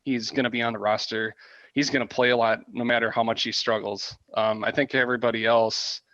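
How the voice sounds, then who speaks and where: Male podcast guest, flat monotone delivery, restarts sentences, dry muffled mic. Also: mid-range voice, a little fast, no room sound. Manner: hesitant restarts while giving opinions. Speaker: guest analyst. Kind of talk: casual sports talk.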